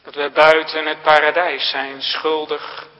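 Slow, solemn male preacher in a church. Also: on the high side, level tone. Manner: slow, solemn preaching with emphatic rising phrases. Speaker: pastor. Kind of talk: sermon. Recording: lo-fi church recording with long reverb.

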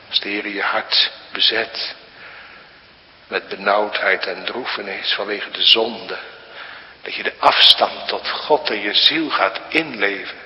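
A man preaching a sermon to a congregation, slow and emphatic, rising now and then to loud, high appeals. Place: church. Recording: hall reverb.

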